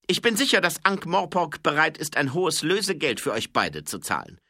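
A man voicing a menacing male highway robber who mocks his captive, speaking loudly in a raised voice. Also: big pitch swings, normal speed, no echo, clean studio sound, heavily acted. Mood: mocking. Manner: mocking, loud and high.

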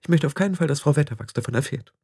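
A man voicing a frantic young witch who stammers in a high, strained voice for an audiobook. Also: rapid-fire, vocal fry, dark tone, slightly rough, no echo, clean studio sound. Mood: worried whisper. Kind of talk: audiobook character voice.

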